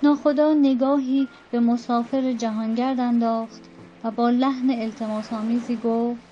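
A woman narrating a storybook tale in an even, measured reading. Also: fairly high pitch, a little hiss or hum. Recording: dull lo-fi with faint music.

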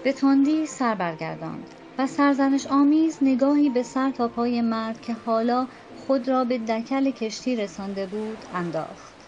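A woman narrating a storybook tale in an even, measured reading. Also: on the high side. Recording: dull lo-fi with faint music.

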